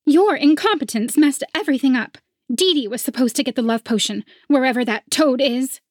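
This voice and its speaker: A woman voicing a scheming, snooty winged female potion seller who speaks in a shrill, haughty way. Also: fairly quick, no echo, studio quality.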